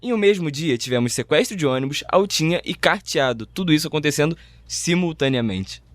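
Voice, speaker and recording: Fast-talking Brazilian male narrator. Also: on the high side, expressive, a bit bright, no room sound. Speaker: podcast narrator. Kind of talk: scripted narration.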